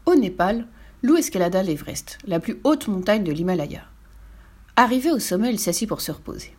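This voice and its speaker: A woman narrating a children's storybook aloud. Her reading is lively and expressive, with a voice at a middle pitch. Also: a little fast.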